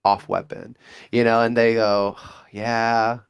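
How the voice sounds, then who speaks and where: Slow, creaky, and fairly monotone at a medium pitch, this man's voice comes through with a clean tone. As a guest on a laid-back interview, the monk class player rambles with enthusiasm and plays out quoted conversations.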